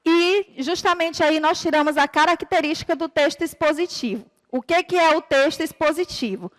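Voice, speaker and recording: Brazilian lady teacher, high voice, patient and clear with the kids, stretches out example words. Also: normal speed, long reverb tail. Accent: Brazilian Portuguese. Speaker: primary school teacher. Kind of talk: recorded online lesson for children.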